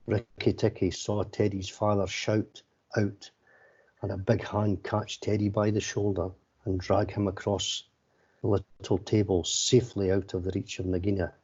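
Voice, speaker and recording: A man narrates a bedtime story, reading aloud stiffly in a fairly low, flat voice. The tone is a little husky, and the recording sounds slightly dull.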